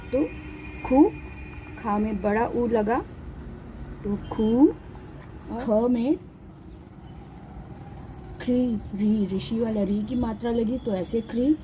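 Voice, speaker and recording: A woman's voice: a little high, mellow, a little hiss or hum, low-quality recording. A woman teaching a patient, step-by-step lesson, saying each syllable twice. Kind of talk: slow step-by-step Hindi lesson.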